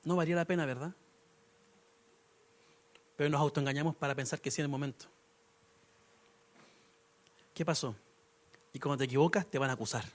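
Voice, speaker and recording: A young male pastor delivers a conversational sermon. He has a notably high voice and keeps a light, humorous touch. He asks the congregation rhetorical questions throughout. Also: fairly quick, long pauses.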